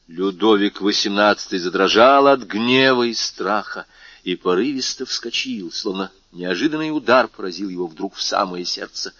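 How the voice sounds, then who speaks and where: Man, audiobook narrator, measured reading, husky voice, muffled dry recording. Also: lowish voice, expressive, fairly bright tone, no echo. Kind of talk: audiobook reading of a classic novel.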